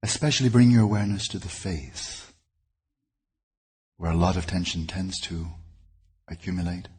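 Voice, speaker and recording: A meditation teacher guides a session in a deep, slightly rough, a little mellow voice. He speaks in deliberate, measured phrases separated by pauses.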